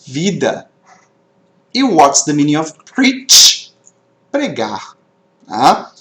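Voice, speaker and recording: Male English teacher, animated delivery, drills words for repetition, echoey room. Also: a little high, extremely slow. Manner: drills words aloud, slips English terms into Portuguese. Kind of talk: online class, teaching vocabulary. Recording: roomy echo.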